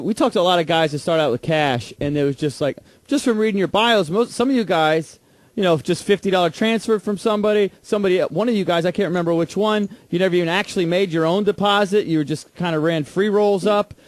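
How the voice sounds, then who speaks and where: A man's voice: sits high, dry recording. A man hosting an interview, asking curious, casual questions. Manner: curious, prompting with quick questions. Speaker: interview host.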